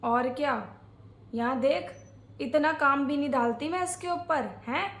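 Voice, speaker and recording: A woman playing a bossy, scolding middle-aged mother and mother-in-law in a family skit, in a brisk, commanding, slightly sharp manner. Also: high-pitched. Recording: echoey room.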